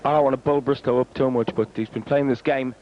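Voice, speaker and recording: A man's voice: medium pitch, steady tone, fast. A man giving live darts commentary in a colourful, wry way. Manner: colourful, wry turns of phrase. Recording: dull, noisy archive TV broadcast.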